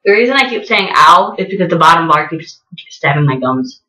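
A woman in her twenties vlogs in a bright, forceful voice with lively swings in pitch. Her speech is slightly impeded by a tongue piercing, and she narrates what she does with frequent exclamations. The sound is roomy and echoey, as from a small bare room. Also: a little fast. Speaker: vlogger. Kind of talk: casual vlog chat, talking to viewers while doing a task.

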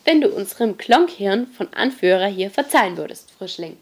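A woman reading an audiobook, voicing a friendly teenage boy who calms things down in an easygoing way. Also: mid-range voice, moderate pace, breathy edge. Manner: easygoing, soothing.

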